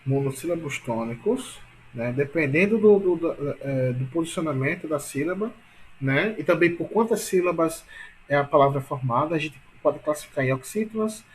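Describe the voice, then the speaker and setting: Higher-voiced man teaching a grammar lesson. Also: slight background noise. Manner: repetitive, filler-heavy explaining with frequent tag questions; stretches key words slowly for emphasis.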